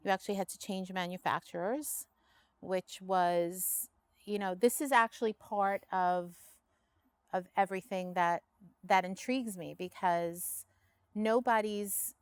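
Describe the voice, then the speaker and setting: A woman's voice: mid-range voice, fairly even intonation, measured pace, clear, resonant tone, no room sound. A woman hosting an interview, asking reflective, rambling questions and sharing her own story in a casual chat. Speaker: interview host.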